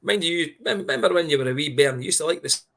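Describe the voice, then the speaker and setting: Bright-voiced man with a broad Scottish accent. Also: a little high, rapid-fire. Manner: sweary, blunt, colloquial. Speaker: podcast co-host. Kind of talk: casual sports chat.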